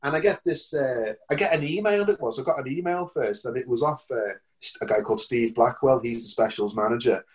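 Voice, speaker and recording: Middle-aged male musician guest, chatty, animated anecdotes with restarts and laughter, mid-pitched voice. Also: fairly quick, hardly any pauses. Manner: animated, repeats words, laughs often. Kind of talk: casual anecdotal storytelling.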